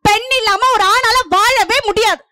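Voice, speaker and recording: Very high, bright-voiced woman debater. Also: normal speed, no echo, clean studio sound. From Puducherry, India. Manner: declamatory, rhythmic parallel lines. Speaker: debate speaker. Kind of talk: stage debate speech.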